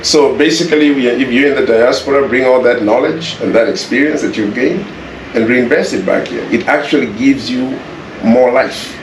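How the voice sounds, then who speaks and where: A Kenyan property developer, appearing as an interview guest, talks conversationally at a middle pitch and a moderate pace. He sounds earnest and repeats phrases to drive his point home. The distant mic makes the recording echoey, with faint background noise.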